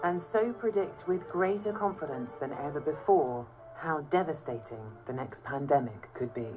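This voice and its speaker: A woman with a British accent presenting and narrating a documentary in a clear, measured, explanatory way. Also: low-pitched, lively intonation, rough recording. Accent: British English. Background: documentary music.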